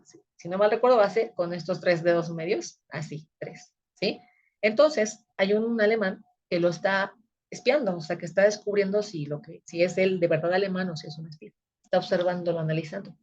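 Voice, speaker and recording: A woman's voice: on the low side, a little mellow, lo-fi sound. A woman, teaching a recorded video lecture in a conversational way that often checks her listeners are following. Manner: conversational, frequent checking tags.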